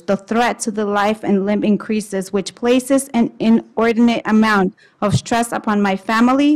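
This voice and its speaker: A woman's voice: medium pitch, rough recording. A woman reading a formal prepared statement during public comment at a council meeting. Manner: formal, deliberate.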